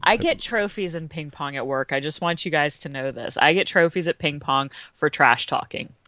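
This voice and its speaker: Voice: mid-range voice, normal speed, bright, forceful tone, no echo. A co-host in a casual podcast chat, playful and full of hesitant fillers.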